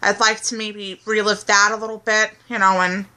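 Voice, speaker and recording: A woman's voice: mid-range voice, little pitch movement, moderate pace, sharp tone. A woman in her twenties chatting casually, reading out questions and answering them. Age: 20s. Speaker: co-host. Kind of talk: casual chat.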